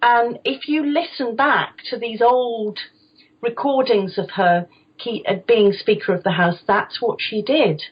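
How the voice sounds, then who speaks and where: A middle-aged British woman, a former opera singer now interviewed as a guest voice coach, explains things conversationally and checks that she's understood. Her voice is on the high side and unhurried, in lo-fi sound.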